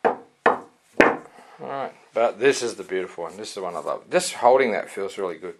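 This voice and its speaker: A man's voice: on the low side, lively intonation, moderate pace, heavy background noise. A man giving a casual, rambling product review with many fillers and restarts. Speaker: sword reviewer.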